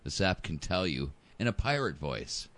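Very deep-voiced teasing male co-host. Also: big pitch swings, moderate pace, a crowd in the background. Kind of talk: casual studio chat.

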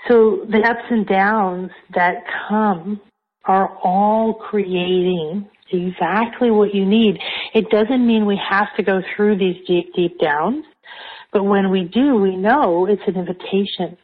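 Through a narrow, phone-like line comes a woman with a medium-pitched voice. She speaks as a spiritual coach hosting a group call, guiding her listeners as in a meditation session. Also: slow pace. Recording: thin, phone-like call audio.

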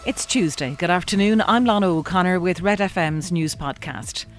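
An Irish woman presenting a local news podcast, reading the bulletin in a steady, clear way. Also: fairly low pitch, normal speed, faint music behind.

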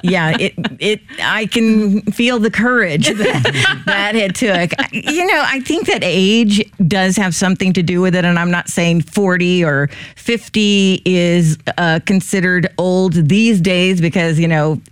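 A woman's voice: fairly low pitch, measured pace, few pauses, dry recording. A middle-aged woman hosting a casual, conversational interview. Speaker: interview host.

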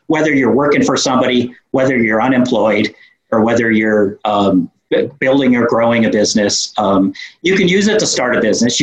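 A man with a New York accent talks like an interview guest who runs a business. His delivery is informal and explanatory, at a middling pitch. The recording has a clearly echoey room sound. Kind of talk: conversational interview answers.

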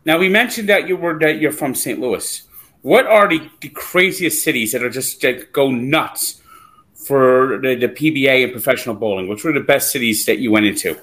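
A man's voice: medium pitch, normal speed, fairly bright tone. A man co-hosting a podcast, asking questions and sharing opinions in casual interview chat. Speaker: podcast co-host.

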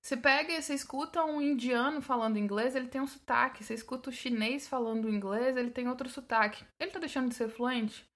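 A woman's voice: high voice, steady tone, quick pace, hardly any pauses, fairly bright tone. A Brazilian woman with a mixed São Paulo, Sergipe and Minas accent, giving a casual English-teaching talk full of restarts and fillers. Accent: Brazilian Portuguese, mixed São Paulo, Sergipe and Minas.

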